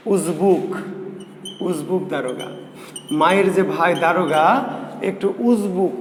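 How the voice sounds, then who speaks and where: A man teaching a lesson, drilling students with questions and answering them himself in an animated way. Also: fairly high pitch, slight background noise. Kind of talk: spoken mnemonic lesson. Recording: echoey room with faint ambience.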